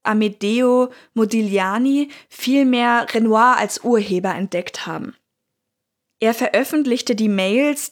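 A woman co-hosting a true-crime podcast, reading a script and adding personal asides to the listeners. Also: fairly high pitch. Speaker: podcast co-host.

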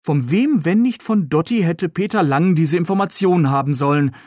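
A man reads from his novel in a calm storytelling voice. His pitch sits a touch high, and the sound is close and dry. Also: moderate pace, no room sound. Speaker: author reading his novel. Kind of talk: novel reading.

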